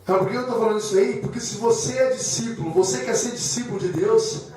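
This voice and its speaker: High-pitched guy preaching w/ emotional testimony, far off in a big echoey church. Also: quick pace, crowd noise. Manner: emotional, repetitive, addresses congregation as brothers. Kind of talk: sermon with personal testimony. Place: church hall.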